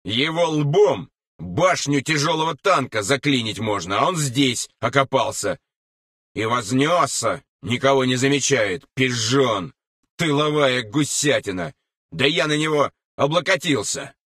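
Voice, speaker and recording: A man voicing a gruff young army scout who mocks an officer with rough swearing. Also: medium pitch, animated, a little slow, fairly bright tone, no echo, studio quality, recorded from a distance. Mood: scornful. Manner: mocking, swearing.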